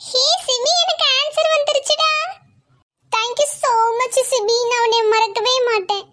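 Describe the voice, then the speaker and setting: A sweet cartoon schoolgirl pleads softly and whines. Her voice is very high and light. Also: fairly even intonation, unhurried, full character voice. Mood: happy. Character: tearful teenage schoolgirl, sweet and grateful.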